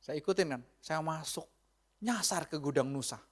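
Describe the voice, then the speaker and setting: A man preaching in church, telling a long personal anecdote with lots of energy. He jumps into the voices of the people he met and turns to the congregation with quick asides and questions. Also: on the high side. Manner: animated storyteller who acts out quoted dialogue in a raised voice. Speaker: pastor.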